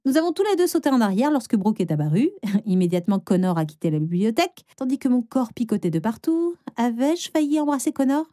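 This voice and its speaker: A woman narrating a first-person animated story as a dramatic, expressive teenage girl. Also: fairly high pitch, fast, dry recording, clean studio sound. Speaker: narrator and heroine.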